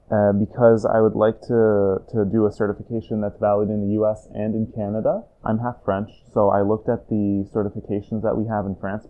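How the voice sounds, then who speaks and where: A man with a low voice chats casually about his fitness plans, upbeat and rambling, full of fillers. The sound is thin and phone-like, as if heard down a tinny line. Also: dark tone. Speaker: vlogger. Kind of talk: casual chat.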